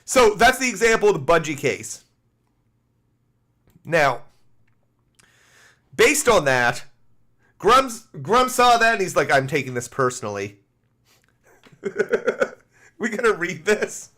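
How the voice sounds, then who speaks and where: A man's voice: high-pitched, very animated, slow pace, long pauses, bright, forceful tone. A Canadian man giving casual, sarcastic live-stream commentary, swearing freely and greeting chat viewers by name. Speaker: gaming streamer.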